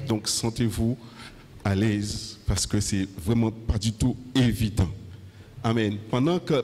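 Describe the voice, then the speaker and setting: A middle-aged man preaching a church sermon in a halting way, repeating words and phrases, on a handheld microphone in a hall. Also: mid-range voice, darkish tone.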